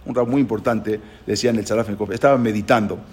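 A man giving a sermon-like religious lecture, speaking emphatically with sudden rises in pitch and loudness, and halting restarts when he searches for words. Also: breathy edge.

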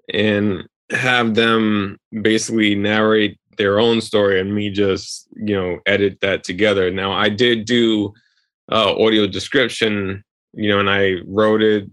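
A man from Queens, answering as an interview guest in a halting, rambling way with pauses mid-sentence. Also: on the low side, fairly bright tone, no room sound. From Queens, New York.

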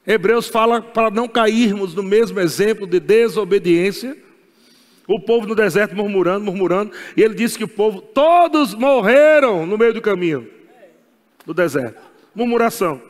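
A Brazilian man preaching a sermon in a high voice, driving his points home by repeating them, with laughs breaking in. His words echo with the long reverb of a church hall. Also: lively intonation, normal speed. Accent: Brazilian Portuguese. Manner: emphatic and repetitive, laughing as he preaches. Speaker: pastor.

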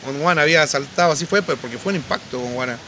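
A man, a podcast guest and musician, telling anecdotes casually with lively restarts. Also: on the high side, very fast, a little hiss or hum. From Chile. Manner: animated anecdotes, frequent restarts. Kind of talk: casual storytelling.

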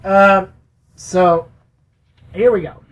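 A game master narrating a tabletop role-playing game for a podcast, in slow, halting speech full of fillers. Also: medium pitch, fairly even intonation, rough recording.

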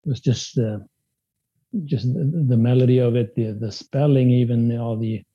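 A Spanish-speaking man who grew up in Sweden is a guest on a casual podcast interview, speaking at a normal pace with a medium pitch and steady tone. His voice is very dark and mellow with a husky edge, and he answers hesitantly, restarting often and using plenty of fillers. The audio sounds dull and dry.

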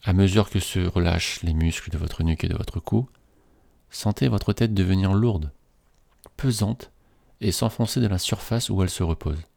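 Man, relaxation guide, soothing measured delivery, mellow dark tone, dry close sound. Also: low-pitched, creaky, dry recording.

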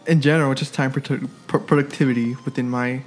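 A man's voice: mid-range voice, fairly even intonation, quick pace, soft background music. A man on a podcast, talking casually and joking about himself. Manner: self-deprecating, joking. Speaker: podcast host. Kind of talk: casual chat.

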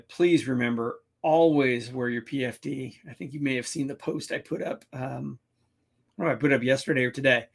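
A man hosting a kayak fishing stream, chatting casually in a rambling, halting way with many restarts, and a little hoarse as his voice gives out. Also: mid-range voice, fairly bright tone. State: losing his voice. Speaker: kayak fishing show host. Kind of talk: casual live-stream chat.

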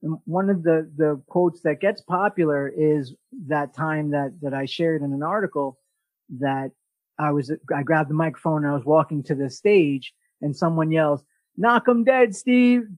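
A man hosting a podcast, giving an energetic motivational talk and often restarting his sentences. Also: fairly high pitch, normal speed, no echo, rough recording. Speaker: podcast host.

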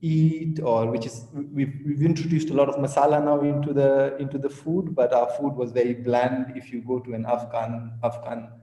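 A man's voice: mid-range voice, steady tone, normal speed, hardly any pauses, warm tone. A man from India, a podcast guest, talking hesitantly with many fillers and restarts. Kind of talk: conversational interview. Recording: echoey room with long reverb.

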